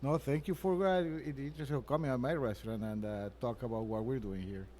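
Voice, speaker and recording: A man with a mellow, relaxed voice at a medium pitch, answering interview questions about himself. He talks earnestly, stops and restarts his sentences often, and is recorded inside a restaurant. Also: slight background noise. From Venezuela. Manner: earnest, halting, with frequent restarts. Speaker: chef and restaurant owner, guest.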